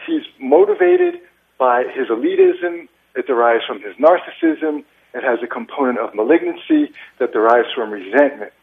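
A man calling in to a talk radio show over a narrow telephone line, making an earnest, pointed argument. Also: medium pitch. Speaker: caller. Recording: tinny phone line.

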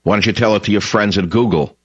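Speaking fast in a lowish, husky voice, an older talk radio host pushes his opinions emphatically, says things over again and keeps restarting sentences. A studio microphone captures him with a dull, dry broadcast sound and no room sound.

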